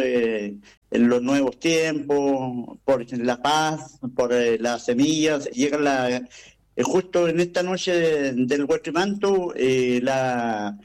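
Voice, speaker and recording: A man's voice: a little high, a little mellow, poor audio. A man from Chile, a radio guest who explains things hesitantly and with many filler sounds. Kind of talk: conversational explanation.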